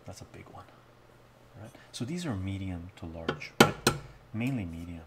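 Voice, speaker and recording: A middle-aged man, a cooking streamer, chats casually with viewers while cooking in his home kitchen, often asking "right?" in a low, animated voice at normal speed. He moves toward and away from a fixed camera mic during this live-stream cooking chat, and the audio is very noisy.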